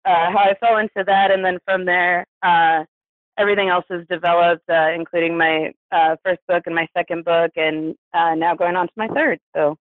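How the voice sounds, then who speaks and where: Speaking at a normal pace in a steady, mid-range voice, an interview guest in their thirties from New Mexico, United States, tells personal stories candidly but hesitantly, laughing through difficult topics. There's no room sound, and the audio has a tinny, radio-like phone character.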